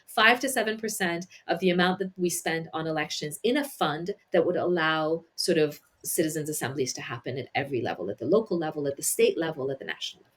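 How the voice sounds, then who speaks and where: A woman with a somewhat low voice speaks as an interview guest. She explains things in a measured way, often restarting phrases as she goes. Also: a bit bright. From Iran. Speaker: guest, policy advisor. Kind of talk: conversational interview.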